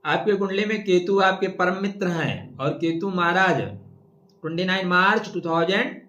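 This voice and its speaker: A man's voice: high-pitched, steady tone, moderate pace, pushed and bright, reverberant, lo-fi sound. A middle-aged man giving a yearly horoscope reading as an astrologer, emphatic and declaiming verse and Sanskrit lines.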